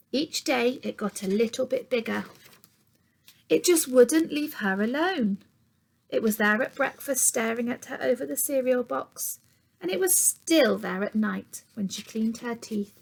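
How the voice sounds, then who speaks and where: Like a teacher at storytime, a woman reads a picture book aloud to young children, expressive and sometimes dropping to a hush as she asks her listeners questions. Her voice is on the high side, husky, with vocal fry. The audio is poor.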